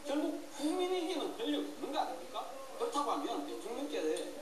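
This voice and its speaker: A man's voice: extremely high pitch, very animated, fairly quick, crowd noise. A man giving live political commentary outdoors at a street rally, often phrasing points as rhetorical questions. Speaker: panel commentator. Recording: echoey, distant, noisy outdoor broadcast.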